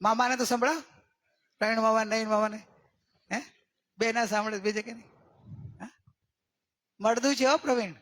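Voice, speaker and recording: A man giving a religious discourse as a spiritual teacher. He keeps checking in with his listeners and draws key words out slowly for emphasis. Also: sits high, a bit bright. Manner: questioning, coaxing listeners with repeated checks.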